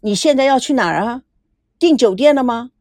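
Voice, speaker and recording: An earnest young woman who fires off quick questions at her father, voiced by a woman reading the story. The delivery is brisk and lively, with a close, dry sound. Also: sits high, dry recording.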